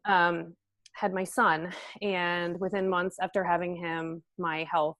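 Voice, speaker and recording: A woman in her thirties talks as a guest in an interview, earnest and loose, with plenty of "um" and "like." Her voice sits a little low. The sound is dry and close, with no room in it. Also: level tone, takes it slowly, a bit bright, no room sound. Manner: earnest, frequent fillers like "um" and "like". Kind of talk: casual interview conversation.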